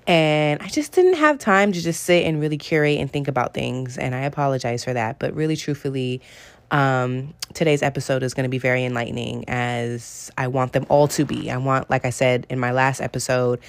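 A woman in her late twenties from the San Francisco Bay Area talks informally and freely on her solo podcast. Her voice sits low for a woman. The recording is dry, with no room sound. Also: brisk, no echo. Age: late 20s. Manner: chatty, informal, uses slang. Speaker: podcast host. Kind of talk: casual solo podcast chat.

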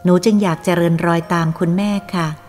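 A woman reading the lines of a gentle, grateful teenage daughter who speaks softly and sweetly. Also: fairly low pitch, steady tone, brisk, close to an everyday voice. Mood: happy. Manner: sweet, soft-spoken, tearful. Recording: reverberant with faint music.

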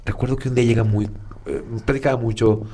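A Mexican man hosting a relaxed conversation, spinning stories with playful jokes. He stumbles into quick restarts, in a mid-pitched voice with a faint hiss behind him. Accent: Mexican Spanish. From Mexico City. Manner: storytelling, joking, with stammered restarts. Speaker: podcast host. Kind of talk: casual chat and anecdote.

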